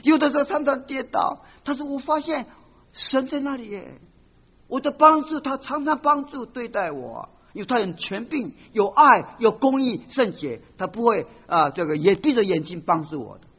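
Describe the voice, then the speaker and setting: A male pastor preaching with a high, lively voice that swings widely in pitch. His tone is bright and a little husky, captured on a dull, lo-fi recording. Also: normal speed, big-room sound. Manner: animated preaching, acts out voices of God and the father, mixes in English words. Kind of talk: sermon.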